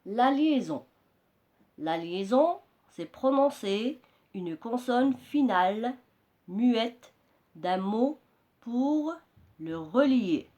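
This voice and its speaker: Woman teacher, unhurried, deliberate classroom delivery, repeats for emphasis. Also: mid-range voice, mellow. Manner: deliberate, repeats key words for students. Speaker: French teacher. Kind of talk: slow classroom explanation.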